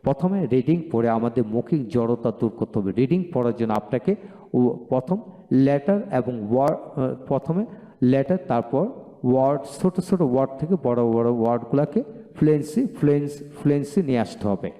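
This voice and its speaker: A man leads a pronunciation lesson, sounding out each drill word twice at a slow, measured pace. His voice is mellow and darkish. A long echo trails behind every word. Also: medium pitch. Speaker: English pronunciation teacher.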